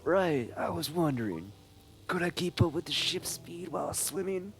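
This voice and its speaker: Goofy old surfer guy, a man in a raised, creaky put-on voice, drawling. Music behind. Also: a little high, lively intonation, moderate pace, pitched above the performer's own voice. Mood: laid-back. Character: old bald surfer dude, laid-back and goofy. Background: background music.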